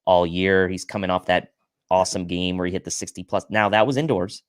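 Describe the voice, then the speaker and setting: A man's voice: deep voice, flat delivery, brisk, no room sound, clean studio sound. A man co-hosting a football pregame show, breaking down the matchup with stats in an analytical way. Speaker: podcast co-host. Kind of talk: sports pregame talk show.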